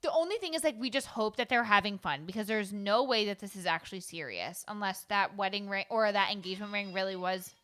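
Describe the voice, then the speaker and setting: A young woman co-hosting a podcast in casual chat, animated and incredulous, laughing often. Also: medium pitch, brisk, few pauses. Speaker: podcast co-host.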